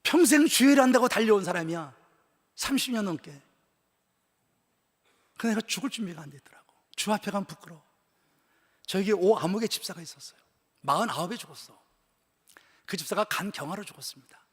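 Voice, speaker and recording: An older male pastor with a fairly high voice preaches to his congregation. He tells his story in a hushed voice that drops nearly to a whisper, then climbs to loud, shouted peaks. The sound carries the long reverb of a large church hall. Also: lively intonation, brisk, pauses often. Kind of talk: sermon at a church retreat. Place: church sanctuary.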